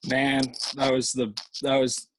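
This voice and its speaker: A man's voice: medium pitch, completely flat delivery, unhurried, noisy background. A young man, a college baseball player, telling stories as a guest in a casual interview, rambling with frequent restarts. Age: young adult. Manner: rambling, lots of fillers and restarts.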